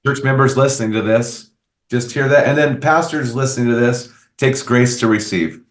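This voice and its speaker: A man hosting an interview, a pastor, talking in a measured way and giving pastoral advice. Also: medium pitch, roomy sound. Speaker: podcast host, pastor. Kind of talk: interview conversation.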